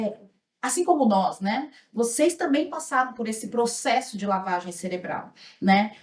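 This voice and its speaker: A woman's voice: high-pitched, darkish tone. A Brazilian woman leading an anti-racism workshop, talking earnestly and reflectively and often tagging her sentences with a questioning "né?". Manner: earnest, reflective, tags lines with "né?". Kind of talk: workshop talk with a small group. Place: hotel auditorium. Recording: echoey room, mic at a distance.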